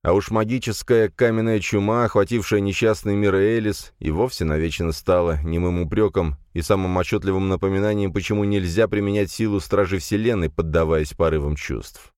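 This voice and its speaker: A man with a very low voice narrates a fantasy audiobook. He reads in a measured, dramatic way. The recording is close and dry. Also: fairly even intonation, darkish tone, clean tone, no echo.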